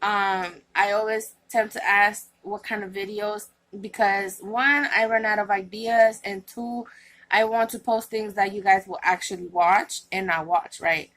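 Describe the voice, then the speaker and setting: A woman's voice: mid-range voice, steady tone, measured pace, fairly bright tone, poor audio. A woman vlogging to her viewers, chatting in a rambling way with many fillers and restarts, and sounding tired. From California. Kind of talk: casual vlog chat.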